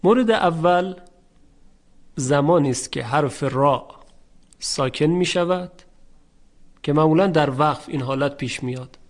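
Male tajweed teacher, middle-aged, somewhat high voice, methodical explainer who stretches out chanted examples. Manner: explains rules slowly, chanting example words drawn out. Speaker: Quran recitation teacher. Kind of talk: tajweed lesson.

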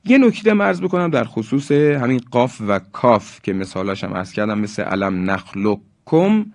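A man teaching Quran recitation, explaining the rules in quick bursts and chanting each example slowly and drawn out. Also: medium pitch, expressive, gravelly, dry recording. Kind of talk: recorded tajweed lesson.

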